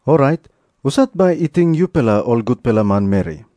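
A man with a Papua New Guinean accent reads scripture in a measured, declarative way. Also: medium pitch, sing-song, dark tone, dry recording. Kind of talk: scripted scripture reading in Tok Pisin. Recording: music behind the voice. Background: background music.

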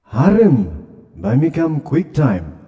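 A man's voice: mid-range voice, wildly swooping pitch, takes it slowly, dull audio. A man with a Papua New Guinean accent playing Jesus as a solemn, authoritative divine lord in a dramatized scripture reading, over music. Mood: solemn proclamation.

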